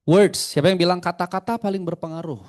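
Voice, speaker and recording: A man runs a live sales training seminar, frequently questioning the audience and mixing English terms into his speech. His pitch and loudness swing widely, though his tone stays steady and his pace is a little fast.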